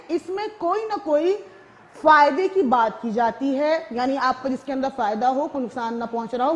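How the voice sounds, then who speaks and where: High-voiced Urdu teacher explaining slowly. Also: female voice. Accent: Pakistani Urdu. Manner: slow, explanatory, spells out words one by one. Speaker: school teacher. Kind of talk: recorded classroom lesson.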